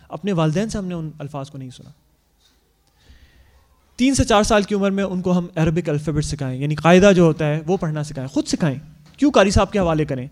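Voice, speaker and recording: A man's voice: high voice, darkish tone. A man giving an earnest, explanatory talk to parents on raising children, with English words scattered through his speech. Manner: acts out parents' quoted lines. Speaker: speaker on Islamic parenting.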